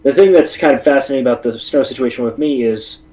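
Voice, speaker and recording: A man from South Texas chats on the stream in a relaxed, easygoing way. His voice sits at a middle pitch, and his banter stays casual. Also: quick pace, low-quality recording. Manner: easygoing, laid-back banter. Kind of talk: casual chat.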